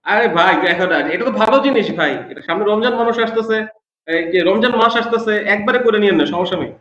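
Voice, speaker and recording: Fast-talking man with strong echo. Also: high-pitched, a bit bright. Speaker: colleague in an online work meeting. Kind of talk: casual work call chat. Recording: echoey, dull lo-fi call audio.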